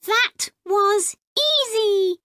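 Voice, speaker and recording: A woman voicing a small, brave, cheerful male robot in a high, squeaky storybook voice. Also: extremely slow, bright, forceful tone, no echo, full character voice.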